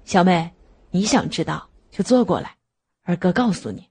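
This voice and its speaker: A brash, cocky young brother in an audio story, as a woman narrator lowers her voice for him. The voice is low, breathy and hoarse, and it sounds set back from the mic. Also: very animated, moderate pace, darkish tone, full character voice. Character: brash young man, cheeky second brother.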